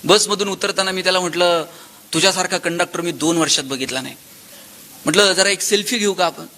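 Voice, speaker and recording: A man gives a motivational lecture in a high, bright voice. He tells stories animatedly, voicing the people in them and swinging between loud exclamations and hushed asides. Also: a little fast. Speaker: motivational speaker. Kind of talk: public lecture with storytelling.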